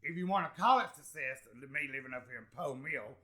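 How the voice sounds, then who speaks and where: A man's voice: mid-range voice, animated, fairly quick, pushed and bright. A man speaking as an interview guest, an actor and comedian, talking earnestly and encouragingly with lots of fillers. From South Carolina. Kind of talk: candid conversational interview.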